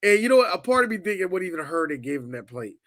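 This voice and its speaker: A man's voice: high voice, big pitch swings, racing, a bit bright, no echo. Profane joking podcast man. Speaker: podcast co-host. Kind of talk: casual sports chat.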